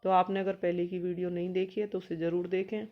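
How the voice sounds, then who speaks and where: A woman teaching an exam-prep grammar lesson, explaining patiently and sounding out each letter slowly. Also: fairly low pitch, little pitch movement, dull audio.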